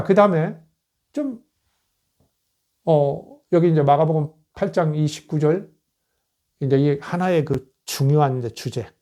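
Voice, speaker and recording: A man's voice: on the high side, mellow. A middle-aged man lecturing conversationally as a historian, posing rhetorical questions and acting out quoted verses.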